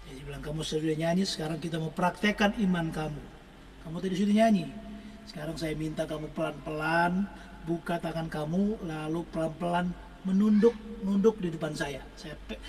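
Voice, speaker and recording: A man's voice: on the high side, far from the mic, rough recording. A man preaching a sermon, telling a healing story to the congregation and singing lines of a worship song. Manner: storytelling, addresses the congregation as brothers and sisters, sings song lines.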